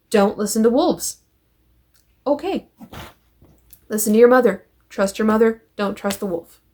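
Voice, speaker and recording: A comic book reviewer and host with a fairly high, darkish voice retells a story and critiques it. She's emphatic and conversational, often throwing in rhetorical questions.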